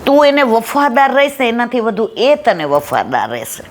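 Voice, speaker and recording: A woman's voice: fairly high pitch, sing-song, normal speed, a little hiss or hum. A middle-aged woman giving a devotional satsang talk, telling a story in a conversational way and asking her listeners whether they follow. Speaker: satsang speaker.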